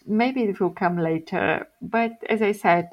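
This young Bulgarian woman, a guest in a laid-back interview, has a Bulgarian accent and tells her stories slowly with plenty of laughter. Her pitch is medium, and the recording's highs are cut off.

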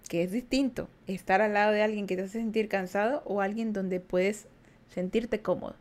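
Woman, podcast host, casual advice chat, animated, mid-pitched voice. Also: moderate pace. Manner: animated, mimics people in a high put-on voice.

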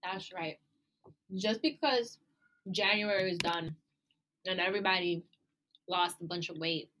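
Bright-voiced, chatty woman podcast co-host. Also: fairly low pitch, a little slow, slight background noise. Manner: animated, chatty, swears, laughs. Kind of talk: casual podcast chat.

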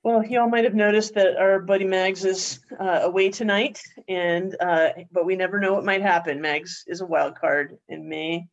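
Low-voiced woman co-host, casual chat. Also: moderate pace, hardly any pauses, dull audio. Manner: relaxed, laughs often, loose rambling phrasing. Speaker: podcast co-host.

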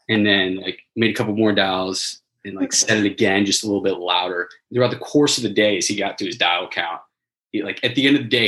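A man's voice: fairly low pitch, bright, forceful tone, poor audio. A man co-hosting a casual chat, telling stories from his sales job with frequent restarts and laughter.

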